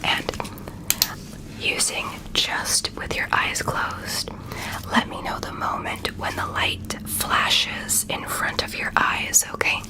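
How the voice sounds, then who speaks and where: A woman whispering soothing, deliberate instructions as a doctor in an ASMR roleplay. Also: poor audio.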